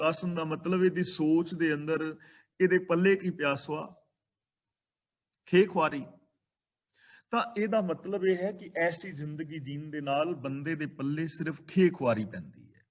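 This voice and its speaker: A man with a Punjabi accent teaches sacred verses. His voice sits a little high. He chants each line slowly, then explains its pronunciation and meaning in a steady teaching manner. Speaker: scripture teacher.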